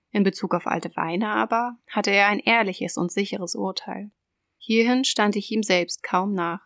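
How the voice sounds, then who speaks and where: Give me a woman reading a dark story aloud, measured and cold, with a dry studio sound. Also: medium pitch, no echo. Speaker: audiobook reader. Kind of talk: scripted narration of a dark tale.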